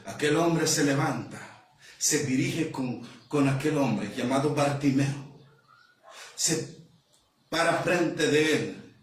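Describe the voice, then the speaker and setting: A man preaching a sermon as an evangelist, with a fervent delivery and frequent shouting. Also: on the high side. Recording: echoey hall, mic far off.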